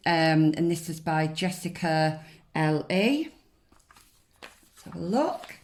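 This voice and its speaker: A woman giving a casual spiritual card reading in a gentle, reassuring, hesitant way. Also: low voice, animated, takes it slowly, a little hiss or hum. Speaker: tarot card reader and host.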